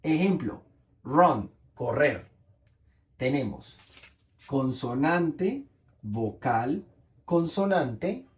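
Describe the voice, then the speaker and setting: A man's voice: medium pitch, very animated, drawn-out words, pauses often, reverberant. A man teaching English grammar in Spanish, explaining rules patiently and checking in with the class.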